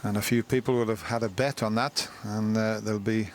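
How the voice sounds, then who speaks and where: A man's voice: on the low side, fairly even intonation, fairly quick, slight background noise. A man giving live snooker commentary as a broadcast commentator. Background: snooker arena crowd.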